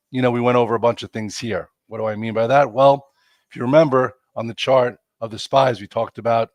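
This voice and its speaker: A man with a mid-range voice hosts a live stock market show, congested and losing his voice as he chats and rambles with plenty of fillers. It's casual live market commentary, recorded with no room sound.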